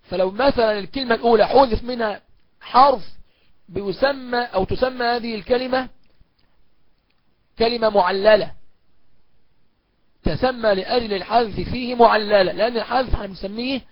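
A man with an Egyptian accent teaching Quran recitation in a recorded course, asking and answering his own questions and slowing down to recite examples. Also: very high-pitched, dry recording, highs cut off. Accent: Egyptian Arabic. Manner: slows down to recite verse examples. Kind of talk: recorded online course lecture.

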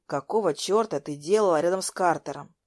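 Woman doing a bossy cold young guy, low stern voice, pushed down deep, dry close sound. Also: a little fast, darkish tone, dry recording, natural voice. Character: domineering cold young man, commanding.

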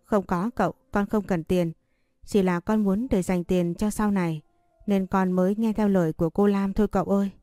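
A woman's voice: mid-range voice, fairly even intonation, moderate pace, warm tone, no room sound, soft background music, close to an everyday voice. A woman reading a storybook voicing a frightened teenage servant girl who stammers and pleads. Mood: pleading.

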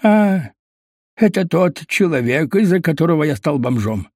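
A man's voice: very animated, moderate pace, a little mellow, dry recording, studio quality. A man putting on a jittery, cowardly scavenger, Baklan. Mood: nervous explaining. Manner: frightened pleading, rising high.

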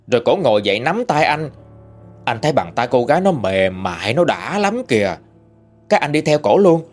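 A man with a Southern Vietnamese accent tells a ghost story in a folksy, homespun manner. His voice sits mid-range but swings up and down with lively expression. Faint music plays underneath. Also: moderate pace. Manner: folksy, animated retelling with lively pitch swings.

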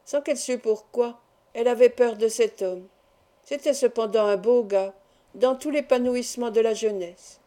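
A woman reading a folk tale aloud in an even, measured storybook narration. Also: a little high. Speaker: audiobook reader.

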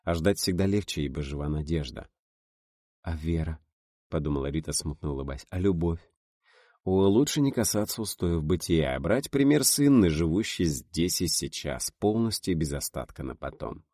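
A man narrating an audiobook with an expressive reading. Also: a bass voice, brisk, no echo, studio quality. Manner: expressive reading, voices for characters.

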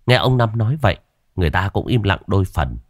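A man's voice: on the low side, lively intonation, quick pace, dry recording, clean studio sound. Male ghost-story narrator.

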